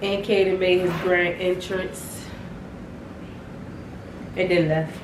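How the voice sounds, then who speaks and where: A young woman vlogging casually to her viewers, relaxed and chatty and short of breath. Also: lowish voice, slow pace. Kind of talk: casual chat to camera. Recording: echoey room, voice a bit far from mic, clear background noise.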